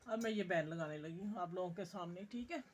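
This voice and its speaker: A woman's voice: fairly low pitch, brisk. A woman with a Pakistani Urdu accent, teaching a stitching tutorial in a homely, chatty, encouraging way. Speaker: sewing teacher.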